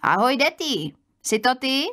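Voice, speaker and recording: A woman's voice: sits high, sing-song, bright, forceful tone, voice pushed up, exaggerated voice. A woman reading an audiobook, voicing a curious, gossiping young village woman who pries and exclaims. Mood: nosy, astonished. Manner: prying, exclaiming. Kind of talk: audiobook character voice.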